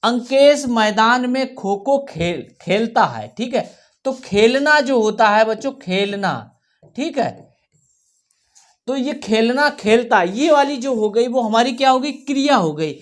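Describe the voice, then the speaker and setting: A woman teaching a children's workbook lesson, reading words slowly and repeating them for the class to follow, often checking in as she goes. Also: a little high, lively intonation. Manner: slow, repeats words for children to read along; checks in often with "theek hai". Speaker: primary school teacher.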